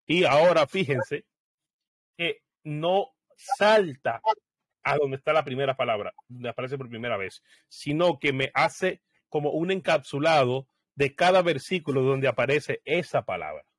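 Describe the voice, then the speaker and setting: A man of medium pitch gives a casual screen-share tutorial and explains each click in turn. His voice is recorded dry and close, with no room sound. He thinks aloud and fills his pauses with hesitations. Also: animated, no echo. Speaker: software tutorial presenter.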